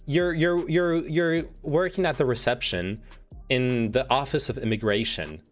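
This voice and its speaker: A medium-pitched man speaks at a measured pace with faint music behind him. In a casual, sweary livestream, he reads quiz statements out and reacts, rambling and restarting his sentences a lot.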